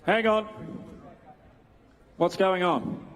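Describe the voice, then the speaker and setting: A middle-aged New man calls a live auction in a high, ringing voice, rattling off bids in a fast sing-song chant and breaking off for dry jokes. His voice carries a long reverb from a large sales hall. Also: fairly even intonation. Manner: rapid rhythmic bid chant with joking asides. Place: large indoor sales ring.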